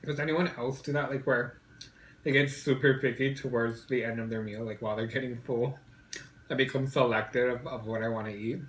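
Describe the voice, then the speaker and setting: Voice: medium pitch, fairly even intonation, brisk, echoey room, poor audio. A mukbang vlogger chatting casually and playfully to viewers, chewing and eating while talking. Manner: playful, breaks into song.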